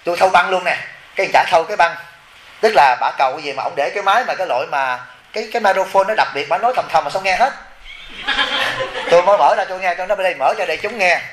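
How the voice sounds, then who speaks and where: Buddhist monk preaching, fast-paced storyteller, higher-pitched male voice, echoey room with faint background hum. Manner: lively anecdotes, acting out quoted voices. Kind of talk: storytelling sermon.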